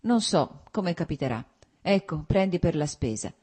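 A guilty husband, weak-willed and self-pitying, musing softly and ruefully, as a woman reads him. The voice is low, dark and husky. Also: big pitch swings, normal speed. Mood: offhand.

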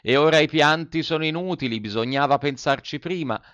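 A man voicing a kindly little female marmot in a storybook reading, speaking slowly and soothingly with regret. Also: a little high, a bit bright, clean tone, no room sound, voice pushed up, natural voice. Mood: solemn. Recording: dull, dry recording.

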